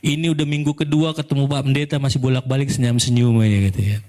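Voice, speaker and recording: A middle-aged male pastor delivers a lively Sunday sermon in a church. He narrates anecdotes and voices the people in them, his pitch leaping up sharply for quoted lines. His speaking voice sits at an ordinary male pitch. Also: fast. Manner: animated storytelling, leaps high when quoting others. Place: church service.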